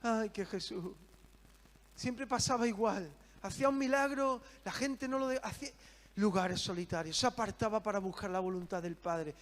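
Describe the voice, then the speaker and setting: A man's voice: high-pitched, moderate pace. A man preaching a sermon, earnest and full of rhetorical questions.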